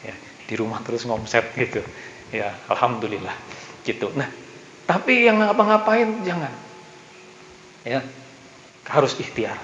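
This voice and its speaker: A man's voice: mid-range voice, animated, measured pace, long pauses, a bit bright, a little hiss or hum. A man giving a rousing religious business motivation talk in a mosque, asking the audience questions. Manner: rousing, asks the audience questions, acts out prayers. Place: mosque hall. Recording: echoey, dull hall recording.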